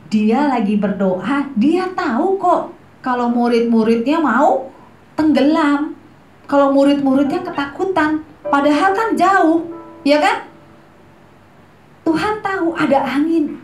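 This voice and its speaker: A woman's voice: a little high, echoey room. A woman teaching children in a Sunday school, telling a Bible story and acting out the voices as she goes. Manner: lively storytelling, acting out voices, asking kids questions.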